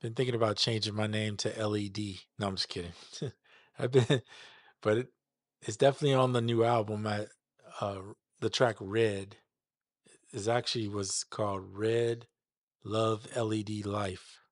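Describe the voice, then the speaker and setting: Laid-back lower-voiced man chatting on a stream. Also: steady tone, normal speed, dry recording, clean studio sound. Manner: easygoing, chatty, stumbles over names and repeats them. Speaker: music producer hosting a live stream. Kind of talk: casual chat while demonstrating a mix.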